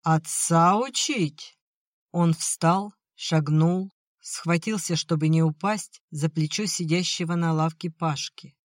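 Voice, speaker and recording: Slow dry audiobook narrator. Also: medium pitch, steady tone, no echo. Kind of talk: scripted narration.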